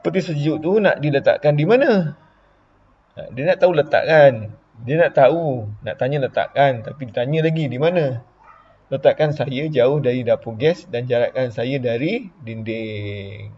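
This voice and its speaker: A man's voice: medium pitch, moderate pace, slightly rough, highs cut off. A man with a Malaysian Malay accent, a primary school teacher giving an online lesson in a chatty way, explaining with repeated example questions.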